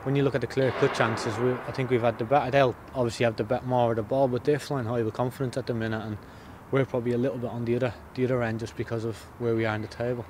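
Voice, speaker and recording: A man in his thirties, a footballer giving a post-match interview outdoors by the pitch, plain-spoken and repeating words as he thinks. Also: little pitch movement, racing, hardly any pauses, darkish tone, a little hiss or hum.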